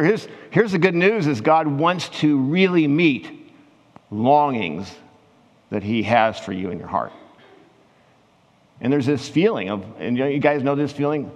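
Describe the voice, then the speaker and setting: A man giving a conversational sermon as a pastor, growing animated when he retells scenes from scripture. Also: medium pitch, a little slow. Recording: long hall reverb.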